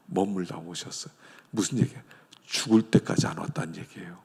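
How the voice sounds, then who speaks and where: A male pastor delivers an emphatic sermon, leaping from ringing declarations down to near-whispers. His voice is gravelly and husky, and it carries a long reverb through a church hall. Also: fairly low pitch. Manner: emphatic, swings between loud declarations and hushed whispers. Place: church sanctuary.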